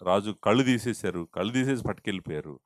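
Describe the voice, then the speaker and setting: A man's voice: on the low side, expressive, quick pace, no room sound. A male pastor preaching an expository sermon, teaching with rhetorical questions and mixing English words into his talk. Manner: mixes English words into Telugu.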